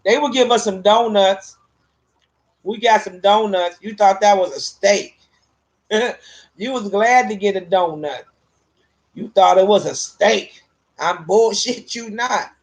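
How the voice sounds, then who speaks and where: A woman's voice: medium pitch, slow pace, long pauses. A woman casually telling a personal story, profane and laughing often between lines. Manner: animated, with vernacular grammar.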